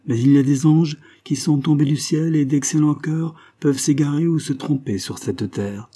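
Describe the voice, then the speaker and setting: A man reading the part of a stern, authoritative old soldier in a measured, solemn manner. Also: fairly high pitch, mellow, pitched above the performer's own voice, natural voice.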